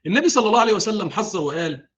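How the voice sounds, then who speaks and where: A man's voice: sits high, expressive, rapid-fire, a bit bright. A man with an Egyptian Arabic accent giving scripted, earnest religious advice, speaking directly to his listeners. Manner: earnest, addresses the audience directly. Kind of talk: scripted preaching narration.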